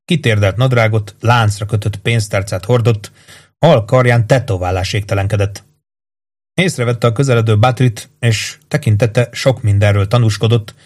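A male audiobook narrator reads a crime novel aloud in even, scripted narration. He keeps a steady pace but raises his pitch and volume for shouted dialogue.

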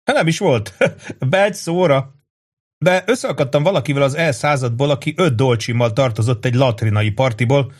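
A man reading an audiobook, voicing a loud, joking young soldier who shouts and teases his buddy. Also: medium pitch, voice pushed up, close to an everyday voice. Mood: boastful. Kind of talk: audiobook character voice.

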